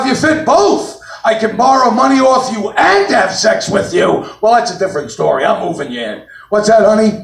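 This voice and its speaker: A man doing a stand-up comedy set on a brewery stage, talking in a brash, blunt New York manner with loud punchlines. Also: sits high, vocal fry. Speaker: stand-up comic. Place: brewery stage, live room. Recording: roomy live venue, mic at a distance.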